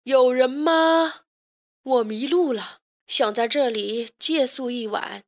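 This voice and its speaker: A lost old man calls out in a storybook castle, trembling and pleading , voiced by a woman. His words come slow and shaky. Each phrase begs for mercy. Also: high-pitched. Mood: scared.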